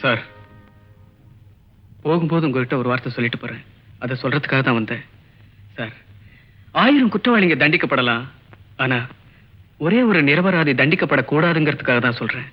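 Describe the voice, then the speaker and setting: A wronged young student pleads his innocence earnestly and with respect. His voice sits somewhat high, and the sound is dull, with faint music underneath like an old film soundtrack. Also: expressive, fairly quick, pauses often. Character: wronged, dignified young male college student. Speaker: college student. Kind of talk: 1980s film acting.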